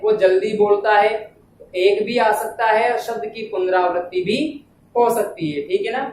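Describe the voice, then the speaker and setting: A man teaching a classroom lesson, speaking slowly and repeating words and phrases so students can write them down. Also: high-pitched, roomy sound, recorded from a distance, a little hiss or hum, poor audio. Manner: keeps saying "ab dhyan dena" to draw attention. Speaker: Hindi grammar teacher.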